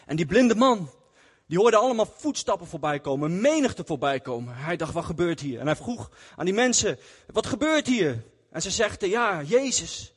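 A man's voice: sits high, slightly rough. A man preaching a testimony sermon in church, earnest and retelling scripture stories. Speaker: lay preacher. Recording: long hall reverb.

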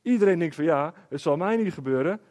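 A middle-aged man with a somewhat high voice tells an anecdote to a room. He is animated and rhetorical, and he keeps tossing quick questions to his listeners to pull them along. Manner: lively, rhetorical, checks in with the listeners. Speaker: speaker. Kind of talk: storytelling talk to an audience.

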